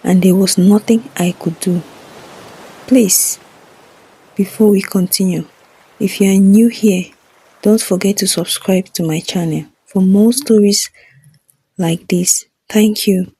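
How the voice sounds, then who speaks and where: A woman narrating a scripted first-person story in a solemn, measured way. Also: medium pitch, fairly even intonation, dark tone, slightly rough.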